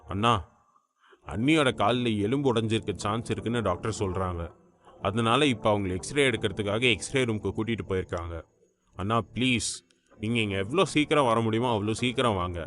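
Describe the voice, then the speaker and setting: A man's voice: on the low side, brisk, a bit bright, natural voice. A man voicing a frightened younger brother. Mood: scared. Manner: shaken, pleading. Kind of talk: audiobook character voice.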